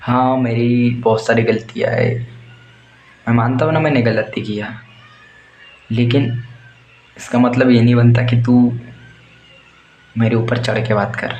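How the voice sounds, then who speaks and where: Steady and darkish in tone, his mid-range voice proceeds at a measured pace, pausing often. The young warehouse worker gives crude, blunt, passionate life advice in a casual monologue, captured with a roomy echo and faint noise behind.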